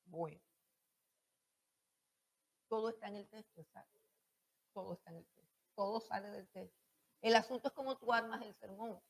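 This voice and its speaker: A woman's voice: mid-range voice, normal speed, long pauses, breathy edge. A woman teaching a Bible school class on preaching, repeating her points and questioning her students.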